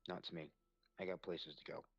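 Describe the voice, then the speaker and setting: A man playing his character in a tabletop game, gruff and stubborn. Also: sits low, little pitch movement, brisk, lo-fi sound. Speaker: player. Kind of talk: in-character tabletop role-play.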